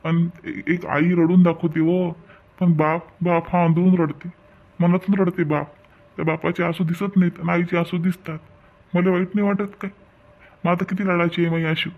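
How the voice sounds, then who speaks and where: A man's voice: high-pitched, level tone, moderate pace. A man voicing an emotional village father of a grown daughter in a cartoon, talking in a pleading way. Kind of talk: cartoon dialogue. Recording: tinny phone-like sound.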